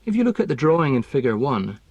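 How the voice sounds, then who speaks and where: Man explaining pronunciation stuff slowly and precisely, dry close recording. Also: mid-range voice, sing-song, darkish tone, breathy edge, dry recording, dull audio. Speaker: language teaching expert. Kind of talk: scripted explanatory lesson.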